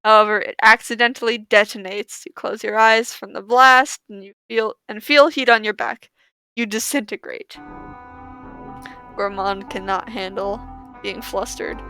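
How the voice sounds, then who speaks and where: A woman's voice: medium pitch, a little slow, pushed and bright, clear, resonant tone, dry recording, faint music behind. A woman playing and reading aloud a text game, laughing often and adding playful asides. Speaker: gamer.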